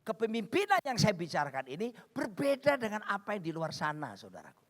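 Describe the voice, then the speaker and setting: A middle-aged male pastor preaching with a high, bright voice that swings widely in pitch. He tells stories with humor and keeps calling out to the congregation. His voice rings with a long reverb from a large church hall. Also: brisk. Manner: lively storytelling, addressing the congregation as "saudaraku". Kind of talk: sermon.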